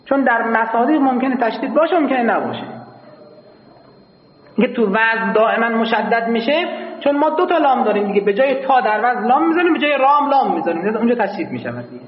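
High-voiced man lecturing in an echoey hall. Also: dull audio. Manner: explanatory, addresses students, chants Arabic verse lines slowly. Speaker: seminary teacher of Arabic grammar. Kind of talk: classroom lecture.

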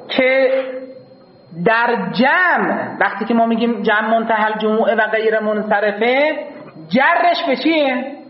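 A man's voice: high-pitched, a little hiss or hum. A man teaching a class, who poses questions to his students and answers them himself, using formal polite phrases and repeating key points. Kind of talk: grammar lecture to a class. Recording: echoey dull lo-fi recording.

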